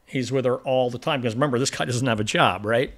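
A man's voice: mid-range voice, fast, a bit bright. A man co-hosting a casual film review podcast, retelling the plot in a rambling way with frequent restarts.

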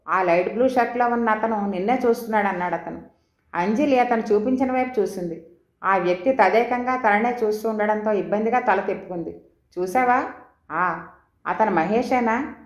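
A woman's voice: mid-range voice, echoey room. A woman reading a novel aloud as an audiobook narrator, voicing the dialogue in her own voice. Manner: reads every character's dialogue in her own voice.

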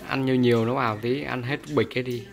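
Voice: medium pitch, flat delivery, quick pace. An adult, chatting casually in a teasing, coaxing manner. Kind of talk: casual family chat, egging others on.

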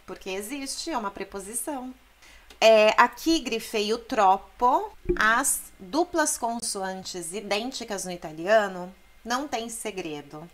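Female language teacher from Brazil, patient and deliberate, slow delivery, slightly high pitch. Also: fairly bright tone. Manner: explains slowly, models Italian sounds aloud. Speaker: Italian teacher. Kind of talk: language lesson.

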